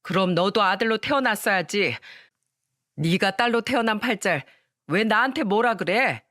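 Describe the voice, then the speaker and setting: A woman's voice: medium pitch, animated, fairly bright tone, no echo, studio quality, natural voice. A woman voicing a harsh middle-aged mother who coldly scolds her daughter and dotes on her son. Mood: cold scolding. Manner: slow, scolding, threatening.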